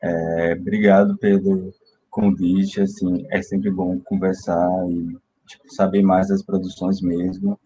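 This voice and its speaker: A young man from Salvador, a filmmaker and film student, introducing himself casually on an online panel, relaxed with filler words. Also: low-pitched, takes it slowly, vocal fry, slightly rough, faint music behind, poor audio. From Salvador, Bahia, Brazil. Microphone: video call.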